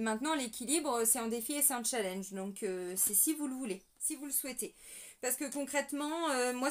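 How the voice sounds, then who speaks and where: Woman doing a chatty tarot reading for her viewers, kinda high voice, lots of ums and restarts. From France. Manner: chatty, hesitant, many fillers, addresses viewers as friends. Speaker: tarot reader. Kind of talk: casual tarot reading to camera.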